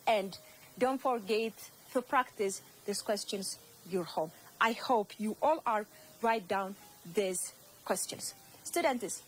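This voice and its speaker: A woman teacher with an Ethiopian accent, whose first language is Amharic, gives a slow, repetitive English lesson to young students. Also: a little high, a little hiss or hum, low-quality recording. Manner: slow, repeats words, addresses students.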